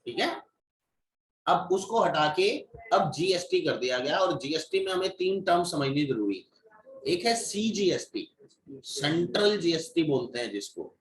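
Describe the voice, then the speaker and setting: Male instructor, fairly high voice, classroom lecture, recorded from across a roomy space. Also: fairly bright tone. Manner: explains step by step, checks in with "ठीक है". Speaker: GST course instructor. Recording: echoey room, mic at a distance.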